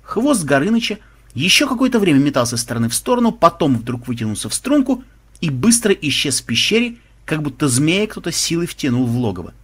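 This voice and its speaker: A man narrating an audiobook with expressive storytelling. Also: a little high, a little fast, slightly rough.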